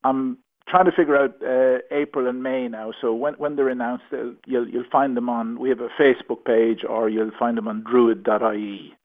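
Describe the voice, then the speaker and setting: A man's voice: medium pitch, fairly even intonation, moderate pace, few pauses. Older west of Ireland man on phone. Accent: west of Ireland, Galway. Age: 60s. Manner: hesitant, repeats words as talk unfolds. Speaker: concert promoter being interviewed. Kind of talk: casual radio phone interview. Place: on a phone call to a radio show. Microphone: telephone. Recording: thin, narrow-band phone line.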